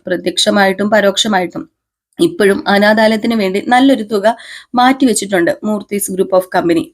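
A woman's voice: medium pitch, lightly acted. A woman voicing a stern, unforgiving older mother-in-law with a curt, scolding way of speaking.

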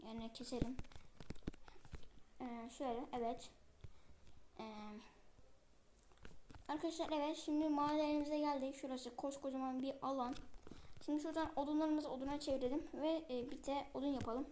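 A woman giving casual gameplay commentary, chatting to viewers with many fillers and speaking a bit loudly on purpose. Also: sits high, steady tone, moderate pace, long pauses, a little hiss or hum.

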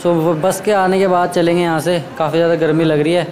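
On the high side and level in tone, this young man from India talks fast, chatting to camera with hand gestures for his travel vlog. He's shot on a phone at arm's length, at a busy roadside in the summer heat and in a small room at home, and the sound is echoey, full of loud street noise and traffic.

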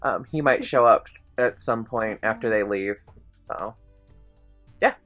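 A woman's voice: a bass voice, measured pace, soft background music. Chatty woman rambling into her vlog camera. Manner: chatty, rambling, self-deprecating. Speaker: vlogger. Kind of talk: casual diary vlog to camera.

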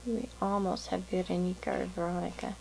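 A woman's voice: lowish voice, little pitch movement, brisk, gravelly, a little mellow, slight background noise, poor audio. A woman giving a casual pick-a-card tarot reading to viewers, musing and thinking aloud in a meandering way.

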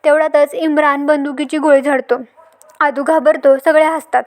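Female recap narrator with a high voice, retelling serial scenes beat by beat. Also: level tone, normal speed, darkish tone. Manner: retells scenes line by line, quoting each character in turn. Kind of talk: storytelling recap of a TV serial episode.

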